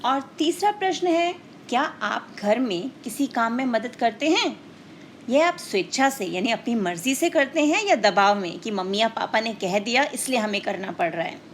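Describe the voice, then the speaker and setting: A little high and animated, a woman teacher's voice moves at a moderate pace through a scripted story lesson for children. She draws out its moral in a didactic style, explaining and asking questions right at her audience. A little hiss or hum is audible.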